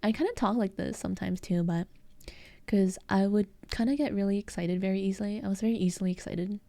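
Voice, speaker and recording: Young woman, streamer, casual chat, giggly, soft-spoken, mellow, dry close mic. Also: mid-range voice, fast, gravelly, dry recording. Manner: giggly, soft-spoken, rambling with many fillers.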